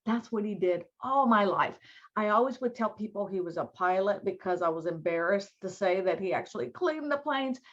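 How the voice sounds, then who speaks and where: A woman's voice: mid-range voice, animated, moderate pace, fairly bright tone. A woman with a Southern American accent leads an online training in a friendly, folksy way, talking to her listeners as y'all. Her voice sits in a middle range, and the web audio sounds a bit dull. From born in New York City, raised in Miami. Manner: chatty, folksy, addresses audience as y'all. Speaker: diversity and inclusion trainer. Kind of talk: live online training presentation.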